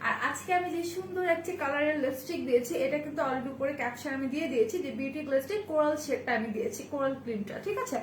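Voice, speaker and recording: A woman's voice: high-pitched, rapid-fire, hardly any pauses, a little hiss or hum. A woman from Bangladesh, hosting a live sales stream and greeting each viewer by name. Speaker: live-stream seller and host. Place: indoor shop with bags on display behind her. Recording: echoey room with faint ambience.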